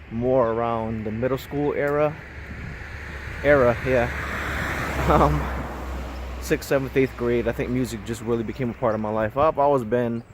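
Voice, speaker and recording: A man in his thirties talking casually for his vlog while walking, a bit out of breath, rambling with small laughs. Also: medium pitch. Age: 30s. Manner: rambling, chatty, laughs between thoughts. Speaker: vlogger. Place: outdoors on a busy street, walking. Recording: outdoor recording with loud traffic and wind noise.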